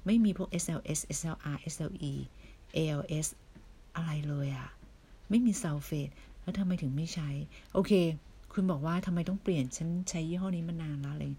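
A woman giving a casual, persuasive sales pitch for beauty products, chatty and full of questions for the listener. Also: fairly quick, dark tone, husky. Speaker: beauty product seller recruiting members.

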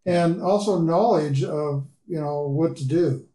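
A man's voice: on the high side, unhurried, dark tone. A man speaking as a guest on a casual interview podcast, rambling with lots of fillers. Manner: rambling, lots of "uh" and "you know". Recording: roomy echo.

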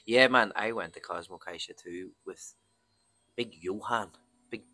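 A man's voice: on the low side, unhurried, pushed and bright. A man with a Belfast accent, co-hosting a podcast in easygoing, chatty talk, laughing often and calling people mate. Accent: Northern Irish, Belfast. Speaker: podcast co-host. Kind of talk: casual chat.

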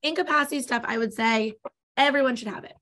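A woman's voice: a little high, fast, sharp tone. A woman, an estate planning attorney from Los Angeles, California, explaining legal options step by step in an interview, with small restarts.

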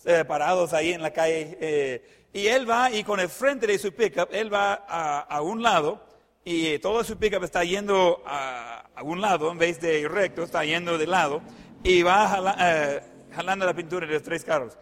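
A man telling a personal anecdote in a lively way, adding sound effects and fillers. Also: high voice, moderate pace. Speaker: storyteller. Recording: long hall reverb.

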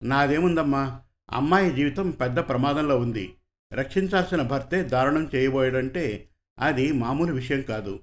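A sober, protective passer-by from an audio serial story, giving quiet, firm warnings. A man reads his lines in his plain mid-pitched voice, barely changed. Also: normal speed, lightly acted. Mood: cautioning. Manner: steady, cautioning. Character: calm, protective middle-aged man, a passer-by.

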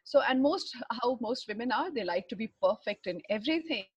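A woman's voice: a little high, animated, husky, no echo, highs cut off. Reflective middle-aged woman, educated Indian accent. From Bihar, India. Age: 40s or older. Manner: halting, reflective, searching for words. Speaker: interview guest, runner and fitness trainer. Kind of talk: personal life story in conversation.

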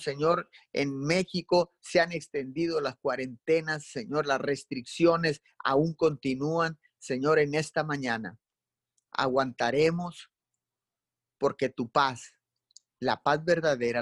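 A man's voice: on the high side, no echo. A man leading a fervent live prayer, calling on the Lord between every phrase.

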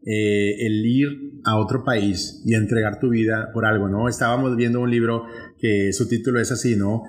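Speaking at a moderate pace in a steady, lowish voice, a young man with a northern Mexican accent co-hosts a podcast. His casual talk rambles and he frequently starts over.

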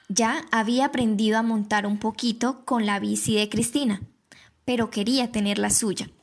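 Colombian woman, slightly high voice, scripted children's storytelling.

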